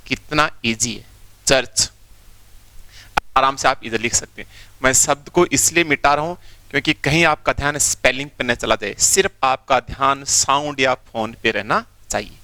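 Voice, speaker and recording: A male teacher giving an online exam-prep lesson, repeating key points and slowly breaking words into their separate sounds. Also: medium pitch, sharp tone, smooth, no echo. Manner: slowly spells out sounds one by one.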